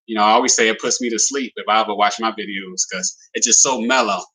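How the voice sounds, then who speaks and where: A man hosts a casual livestream pitching a business opportunity, talking plainly and warmly to viewers he calls "guys" and using lots of fillers like "you know." His voice is lowish, sharp, and steady in tone, moving at a quick pace, and the audio quality is poor.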